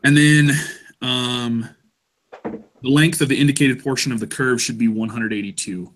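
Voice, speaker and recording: A man's voice: medium pitch, fairly even intonation, moderate pace. A man in a student study group, reading out his math answers step by step in casual chat. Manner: talks through math steps aloud.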